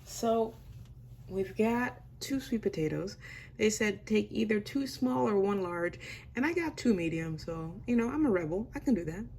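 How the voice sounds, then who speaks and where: A woman's voice: mid-range voice, lively intonation, moderate pace, creaky, a little mellow, a little hiss or hum. A woman hosting a casual cooking demonstration, chatty and self-deprecating, with a voice that sounds a little under the weather. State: under the weather, voice affected by illness. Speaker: host of a home cooking show. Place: home kitchen.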